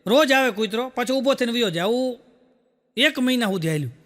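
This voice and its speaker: A male comedian, telling folksy jokes to a live audience. His voice sits very high and comes across bright and forceful. A long reverb trails behind every line. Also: animated, quick pace. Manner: folksy storytelling, full of "I said" and "he said". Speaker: stand-up comedian. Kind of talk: stand-up joke telling on stage. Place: stage show with a live audience.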